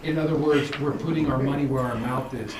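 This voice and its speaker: A man, a high school principal who is losing his voice, presents at a school committee meeting in a halting way, full of fillers and restarts. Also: crowd noise. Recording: echoey room from far off.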